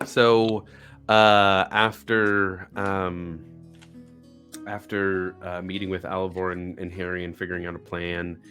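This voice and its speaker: Low-voiced man, halting game master. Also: little pitch movement, sharp tone, soft background music. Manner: halting, searching for words. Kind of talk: narrating a tabletop game.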